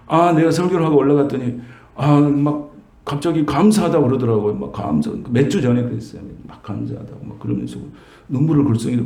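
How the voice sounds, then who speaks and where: Middle-aged male pastor, gravelly mellow voice, chatty sermon delivery, echoey church room. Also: mid-range voice. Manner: conversational preaching, rhetorical questions to the congregation. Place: church sanctuary.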